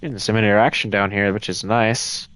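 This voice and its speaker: A man's voice: lowish voice, fairly even intonation, brisk, fairly bright tone, smooth, no echo. A man streaming a ghost-hunting game live, casually thinking aloud and explaining his moves to the chat. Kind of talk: live gameplay commentary.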